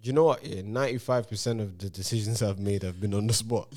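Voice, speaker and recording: A man's voice: fairly low pitch, animated, moderate pace, mellow. A man with a London accent bantering casually in slangy speech.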